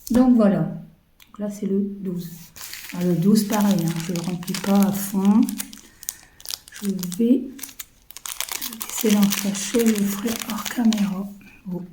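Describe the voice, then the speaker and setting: A woman's voice: mid-range voice, unhurried, pauses often, dark tone, slight background noise, low-quality recording. A woman in her fifties chatting casually to viewers while she works on a craft project, rambling with many fillers and muttering to herself. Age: 50s. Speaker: craft vlogger.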